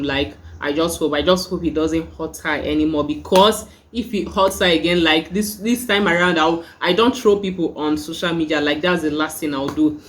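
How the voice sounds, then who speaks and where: With a lowish voice and a bit of hiss or hum in the background, a young Nigerian YouTube reviewer talks casually in her review vlog. She has a Nigerian accent and fills her speech with "like" and "you know."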